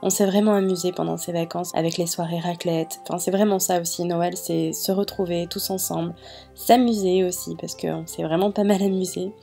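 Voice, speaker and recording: Woman doing a chatty vlog voiceover, warm mellow tone, bit of music behind. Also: fairly low pitch, fairly even intonation, moderate pace, creaky. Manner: chatty, informal. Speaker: vlogger narrating a family holiday video. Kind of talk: casual voice-over narration. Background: background music.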